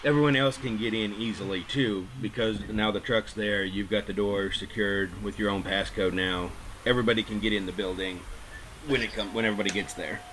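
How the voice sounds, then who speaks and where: A game master calmly sets the scene and calls for dice rolls in a relaxed, explaining way. His voice sits low, and a clear hiss runs under the recording. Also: brisk. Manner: relaxed, instructive, with fillers. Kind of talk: narrating a tabletop game. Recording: noisy home mic.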